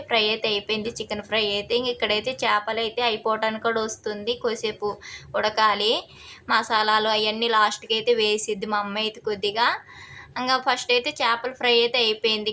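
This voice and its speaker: A woman's voice: a little high, pushed and bright, slight background noise. A young woman narrating her home cooking vlog in a chatty, rambling way. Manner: chatty, rambling, fast-talking. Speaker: vlogger.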